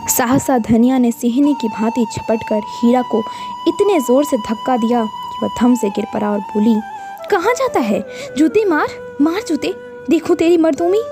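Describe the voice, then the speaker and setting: A woman narrating a classic novel in a steady, earnest storytelling voice. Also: a little high. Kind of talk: reading a classic novel aloud. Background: soft woodwind music.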